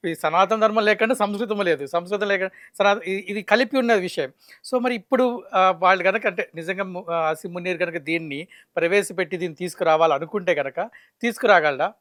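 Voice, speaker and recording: A man's voice: high voice, quick pace, a bit bright, no room sound. A man with a Telugu accent interviewing a guest in a studio, asking questions politely and deferentially.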